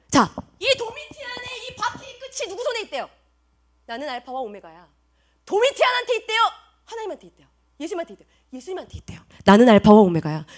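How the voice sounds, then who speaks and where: A woman youth pastor preaching a sermon to students, animated, asking questions and calling on them by name. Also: extremely high pitch.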